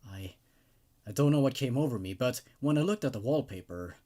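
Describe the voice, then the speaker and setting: Hosting and narrating an online horror story show, this man swings from casual chatter to reading stories aloud. His medium-pitched voice is expressive and dark-toned, and he talks a little fast.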